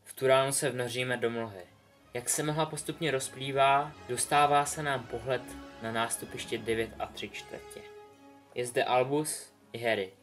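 A man reads a story aloud in a calm, measured way, his voice sitting in an ordinary middle range. Soft background music plays underneath his narration. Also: medium pitch.

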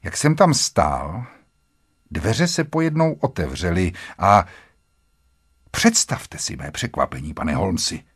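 A man narrating a literary story in the first person, his delivery lively and full of rising and falling pitch. His voice has a slightly husky grain, recorded dry and close. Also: no room sound. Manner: lively, dramatic reading. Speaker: audiobook narrator.

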